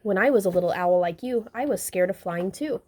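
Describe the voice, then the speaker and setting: A woman reading the part of a kindly, patient old grandfather owl in a storybook, gentle but firm. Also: medium pitch, animated, a little fast, natural voice.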